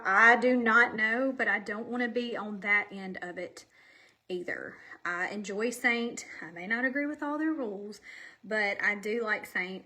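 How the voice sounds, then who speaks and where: During a makeup live stream from her home, a woman with a medium pitch and fairly bright tone chats loosely with her audience. She sounds a little out of breath, rambles, and talks right into the camera facing her.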